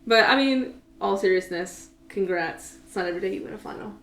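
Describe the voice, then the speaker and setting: A woman's voice: medium pitch, brisk. Young woman tossing off wry asides. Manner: short wry reactions, laughing asides. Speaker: podcast co-host. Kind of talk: casual sports chat. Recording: echoey room with faint noise.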